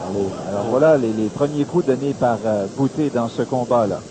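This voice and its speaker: A mid-pitched man with a Quebec French accent calls boxing as a play-by-play commentator. His delivery is conversational, on a noisy, hissy broadcast recording. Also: brisk.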